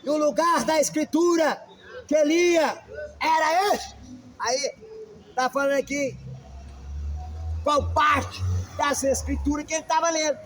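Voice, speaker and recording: A man's voice: very high-pitched, fairly even intonation, a little slow, long pauses, noisy background. A man, a pastor, preaching a sermon emphatically and calling out questions to his listeners.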